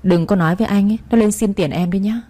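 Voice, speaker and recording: A woman's voice: medium pitch, fast, warm tone, close to an everyday voice. A woman voicing a curt, suspicious stepfather, read in her own voice.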